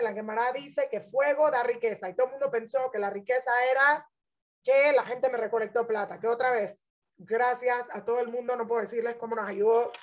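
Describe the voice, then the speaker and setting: A woman's voice: a little high, muffled recording. A woman religious teacher telling her personal testimony in an inspirational talk, earnest and emphatic, speaking straight to her listeners.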